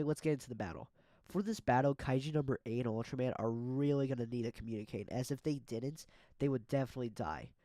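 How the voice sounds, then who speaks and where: On a clean recording with no room sound, a man with a medium-pitched, dark voice hosts an online monster battle video. He's a YouTube battle-video host giving casual scripted commentary, talking through the matchups in a hesitant way packed with fillers.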